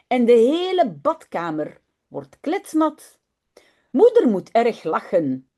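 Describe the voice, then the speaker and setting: A woman language teacher in her home office, reading a children's story aloud and then explaining it in a friendly, animated way into a webcam mic. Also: fairly high pitch, slow.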